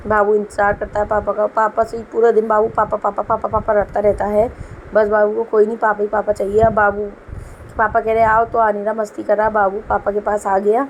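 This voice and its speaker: Her mid-range voice is completely flat in delivery and a little fast, yet this young homemaker stays chatty, explaining her kitchen routine as she works in a casual voice-over. She has a sore throat and a cough. The recording is low quality with slight background noise.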